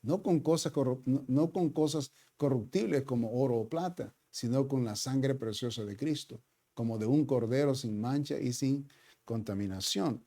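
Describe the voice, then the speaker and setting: A man preaching a sermon in a church, talking like a pastor sitting down with his congregation. His voice is mellow and dark, never sharp, and he keeps checking in with "ok?" and slips into English fillers like "so". The delivery is loose and conversational rather than polished. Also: mid-range voice, normal speed.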